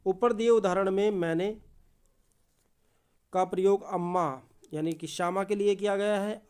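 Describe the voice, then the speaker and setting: A male Hindi teacher reads a story aloud to his class and explains it, often turning key words back on the students as questions. His high voice is smooth with a darkish tone.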